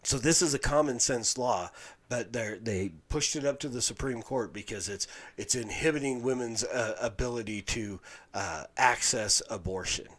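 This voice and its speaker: A man hosting a podcast, giving a halting, indignant commentary with many restarts. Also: mid-range voice, fairly bright tone. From Utah, USA. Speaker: podcast host. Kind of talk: casual commentary monologue.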